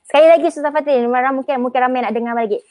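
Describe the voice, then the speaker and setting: A woman with a Malaysian Malay accent teaching Arabic pronunciation in a live online lesson, chatty, drawing example words out slowly. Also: sits high, fairly even intonation, darkish tone, no room sound.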